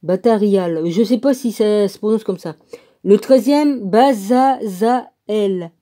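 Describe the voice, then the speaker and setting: Woman, slow home reading, dark and mellow tone, spells names out, chatty asides. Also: mid-range voice, expressive. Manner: slow, spells out names letter by letter, comments as she goes. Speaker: reader of a religious text. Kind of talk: casual reading aloud with asides.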